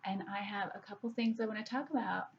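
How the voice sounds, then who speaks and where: A woman's voice: mid-range voice, fast, gravelly, slight background noise. Rambling woman in her 40s, lo-fi audio. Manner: rambling, chatty, with frequent restarts and fillers. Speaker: book vlogger. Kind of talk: casual chat to camera. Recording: slightly dull lo-fi audio.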